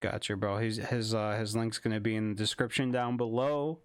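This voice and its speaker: A man's voice: fairly low pitch, level tone, moderate pace, smooth, no room sound, clean studio sound. A young man hosting a casual podcast, goofy and laughing often, swearing freely as he wraps up the episode. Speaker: podcast host.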